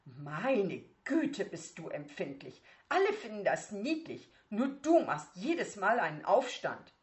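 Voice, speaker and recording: A woman voicing a brisk, dismissive mother who scolds. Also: medium pitch, very animated. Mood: scolding.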